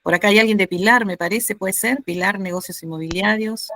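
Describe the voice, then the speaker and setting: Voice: medium pitch, fairly quick, sharp tone, dry recording. A host welcoming participants on a video call with short upbeat acknowledgements. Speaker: meeting host. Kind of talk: casual moderating.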